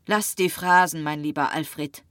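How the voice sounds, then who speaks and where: A woman's voice: sits low, fairly even intonation, unhurried, a bit bright, dry recording, clean studio sound. A woman doing a weary, mocking young man. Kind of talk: audiobook reading.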